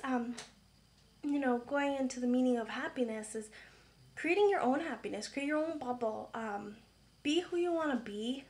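Young woman, casual vlog, earnest, chatty, lots of ums, slightly high voice. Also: darkish tone. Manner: chatty, earnest, many fillers. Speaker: vlogger.

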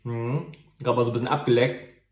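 A man's voice: mid-range voice, steady tone, brisk. A man hosting a casual, unscripted food review in an informal, matter-of-fact way. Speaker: host of a food review channel. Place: indoor room. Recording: echoey, reverberant room.

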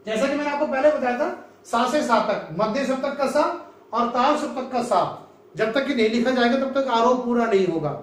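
A man from North India teaching a music lesson, explaining slowly and singing scale notes in between. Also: very high voice. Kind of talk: classroom lesson with sung notes. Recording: echoey room, mic far off.

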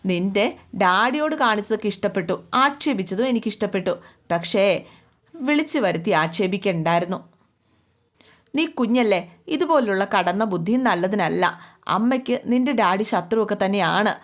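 A woman voicing a scheming mother who approves of revenge, speaking in a measured, lecturing tone. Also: mid-range voice, expressive, lightly acted.

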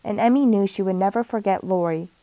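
A woman reading a picture book aloud in a gentle storytelling manner, briefly giving the characters their own voices. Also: mid-range voice, quick pace, no room sound. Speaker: storybook reader.

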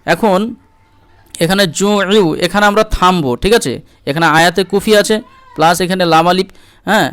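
Man, patient Quran tutor; high, smooth voice, dry close sound. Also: fairly bright tone, dry recording. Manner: slow syllable-by-syllable spelling, drawn-out melodic recitation. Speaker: Quran recitation teacher. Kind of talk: spelling-and-recitation lesson.

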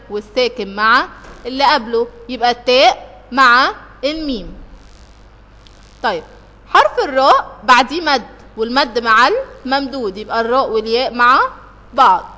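A high, bright-voiced woman teaching with an Egyptian Arabic accent, guiding a review lesson for children one step at a time. She keeps putting questions to the class and then answering them, and she draws out verses when reciting. Her voice carries a long reverb, as if in a hard-walled room. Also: lively intonation. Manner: recites verses in a slow, drawn-out way.

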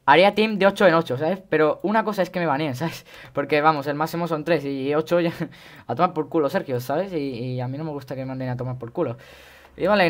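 Teen boy, Spain Spanish accent, gameplay commentary, rambling and chatty, sudden high yelps. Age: teens. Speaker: gaming YouTuber.

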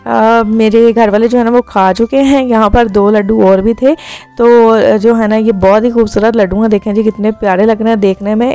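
This young female vlogger talks fast in a chatty voice-over about her day, packed with filler phrases. Her voice is a little high and mellow.

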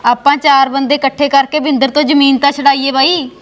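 A caring married sister talks in a worried, practical way, in a fairly high voice, as an actress plays her in a village drama. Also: level tone, fairly quick, a bit bright. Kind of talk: village family drama acting.

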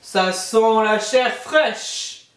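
Storybook ogre, male, huge and hungry, slow drawn-out lines; a woman doing the voice, roomy sound from a distant mic. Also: on the high side. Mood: menacing.

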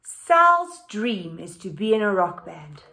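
A middle-aged teacher reads a children's story to her class from her living room at home, her medium-pitched voice slow, expressive and exaggerated. She adds questioning asides for the young pupils.

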